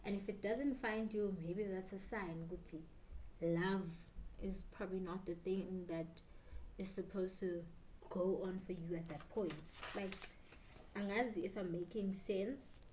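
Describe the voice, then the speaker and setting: A South African woman in her twenties talks casually to camera, a little tipsy and rambling. Her voice is dark and relaxed at a medium pitch, slipping between English and Zulu. Faint noise sits behind her in a small room. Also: a little slow, low-quality recording. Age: 20s. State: slightly tipsy. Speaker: beauty YouTuber. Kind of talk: casual chat while doing makeup. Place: small bedroom indoors.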